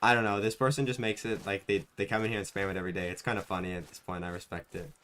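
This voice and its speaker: A man's voice: low-pitched, little pitch movement, rapid-fire, fairly bright tone. A young man streaming a hunting game, chatting loosely with viewers, rambling and self-mocking, often saying like and dude. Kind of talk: casual live-stream chat while gaming.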